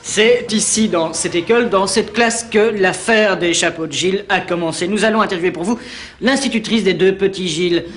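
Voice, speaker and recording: A man's voice: high-pitched, normal speed, fairly bright tone, soft background music. A man playing a television reporter in a spoof news segment, introducing guests and putting questions. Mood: earnest. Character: earnest male TV field reporter.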